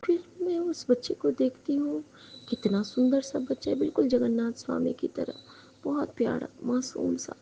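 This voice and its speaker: A woman recounts her dream as a devotional testimony, speaking earnestly and straight to her fellow devotees. Her voice sits a little high, yet it is dark, mellow and gravelly. The recording is dull and lo-fi, with faint noise underneath. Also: moderate pace. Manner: earnest and devout, addresses listeners directly. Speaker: devotee sharing a dream with the congregation. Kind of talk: spoken testimony, retelling a dream.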